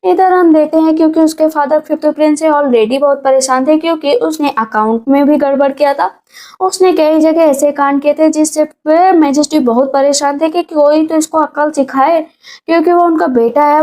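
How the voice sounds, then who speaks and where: Woman, high voice, warm mellow tone, chatty recap narration, loose filler-laden storytelling. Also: steady tone, normal speed.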